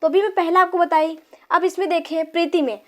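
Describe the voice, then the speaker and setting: A young woman with a high voice teaches grammar in a classroom style. She repeats each point, corrects herself, and keeps asking her students quick questions as she counts through each line aloud. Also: steady tone, fairly bright tone. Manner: checks in with rhetorical questions and counts syllables aloud.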